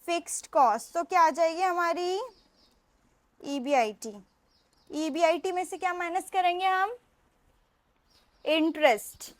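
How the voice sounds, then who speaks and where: A young woman gives an exam revision lecture in a high voice. She talks slowly and playfully and has students chant lists back to her. Her voice is close and dry, with no room sound. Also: dry recording. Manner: chatty, playful, drills the class in call-and-response. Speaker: teacher.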